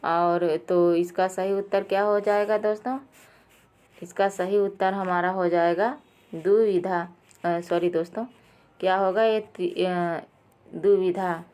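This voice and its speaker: A woman teaching Sanskrit exam questions, going through each answer, often calling out to her viewers and correcting herself with a quick apology. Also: on the low side, steady tone, a little mellow, clean tone. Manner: addresses viewers as friends, with fillers and self-corrections. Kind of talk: quiz lesson explaining answers.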